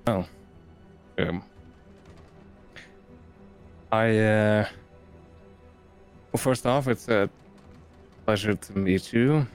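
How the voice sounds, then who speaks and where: A man playing his character in a tabletop game, speaking hesitantly with many pauses. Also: on the low side, clean tone, faint music behind. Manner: hesitant, halting speech. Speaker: player.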